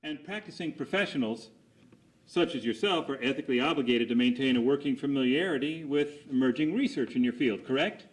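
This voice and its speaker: A man's voice: medium pitch, fairly quick, poor audio. A man conducting a cross examination as an attorney, putting formal, methodical leading questions and seeking agreement after each statement.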